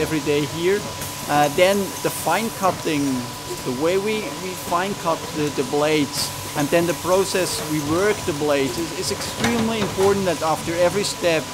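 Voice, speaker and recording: A man in his forties with a Swiss accent, a company executive answering interview questions in a measured way with frequent fillers. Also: a little high. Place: large factory hall indoors. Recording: loud factory noise behind.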